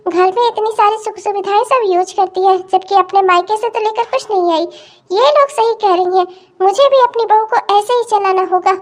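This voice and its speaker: A woman voicing a middle-aged cartoon mother-in-law who muses slowly and smugly. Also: very high voice. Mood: scheming. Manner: slow, self-satisfied musing.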